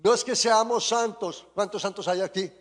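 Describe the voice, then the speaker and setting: Male preacher, fervent prayer and sermon delivery, slightly high pitch, reverberant sanctuary. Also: normal speed, a bit bright. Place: church sanctuary. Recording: long church reverb.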